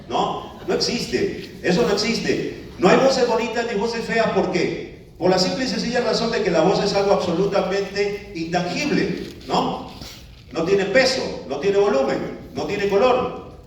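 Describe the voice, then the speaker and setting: This man's voice sits high, and there's a little hiss or hum on the recording. He's addressing an audience live, talking conversationally with lots of fillers and false starts. Captured from afar in an echoey room.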